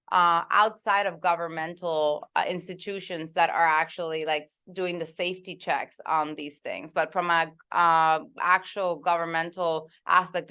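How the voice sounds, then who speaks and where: A woman moderating a panel discussion, speaking with frequent fillers and pauses. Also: fairly low pitch, fairly bright tone, smooth. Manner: many fillers, thoughtful pauses. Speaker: policy fellow and moderator.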